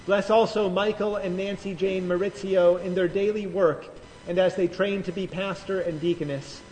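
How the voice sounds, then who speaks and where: A male pastor leading liturgical prayers in a slow, measured cadence, heard in the echo of a large church. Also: sits high, fairly even intonation, a little mellow, slight background noise. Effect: cathedral echo. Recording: long church reverb, faint music.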